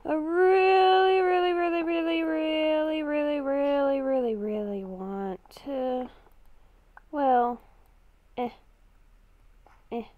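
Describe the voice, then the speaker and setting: A gamer voices a roleplay character, improvising narration, thinking aloud and going back over her phrases. Her high-pitched voice stays steady as she talks slowly with long pauses. Slight background noise sits under the dull sound of a lo-fi microphone.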